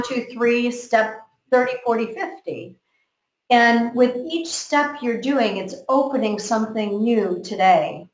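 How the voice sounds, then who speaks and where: A woman from America, talking earnestly in a group conversation and often repeating words as she works out her thoughts. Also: a little high. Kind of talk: motivational group chat. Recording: roomy echo.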